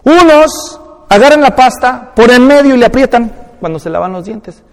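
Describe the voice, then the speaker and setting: A Mexican pastor with a Mexican Spanish accent delivers an expository sermon in a fairly high voice. He acts out everyday examples with lively swings. His voice rings through a large hall with a long reverb. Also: normal speed. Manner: animated, acts out everyday examples with rising pitch.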